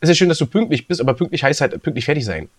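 A man's voice: on the high side, big pitch swings, racing, breathy edge, dry recording. Teasing man in a dry-sounding room. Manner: teasing and talkative, with dry humor. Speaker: podcast co-host. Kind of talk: casual podcast chat. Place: at home, on a video call. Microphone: own recording device.

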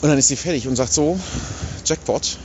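A man's voice: medium pitch, very fast. A man telling a casual anecdote in a recorded segment, playing out the other voices in his story. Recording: dull lo-fi recording with faint vehicle noise.

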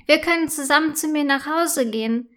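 A woman voicing a kind, gentle young girl in a children's storybook reading. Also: high voice, brisk. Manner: gentle, friendly.

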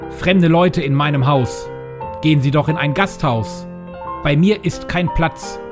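A man voicing a grumpy old woman who is busy baking cookies. She is snappish and dismissive, with slow, emphatic lines, and music plays behind the voice. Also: fairly high pitch, voice pushed up, close to an everyday voice.

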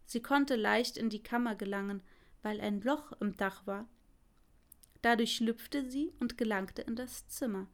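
A woman narrating a fairy tale in a calm, measured storytelling manner. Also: fairly high pitch.

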